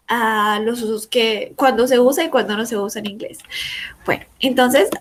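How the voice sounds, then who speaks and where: Patient, high-voiced woman teacher. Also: a bit bright. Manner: patient, explains step by step with repeated examples. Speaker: English teacher. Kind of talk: online class lesson.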